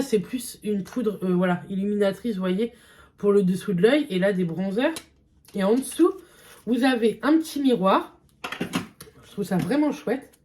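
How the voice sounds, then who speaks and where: Her voice sits fairly high and sounds a little mellow as this young beauty vlogger tests makeup on camera. She keeps the chat casual but hesitant, with lots of fillers throughout.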